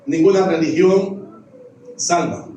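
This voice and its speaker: High-voiced pastor preaching in echoey church. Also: male voice, slow, mellow, far from the mic, a little hiss or hum. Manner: repetitive preaching refrains. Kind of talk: sermon. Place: church sanctuary.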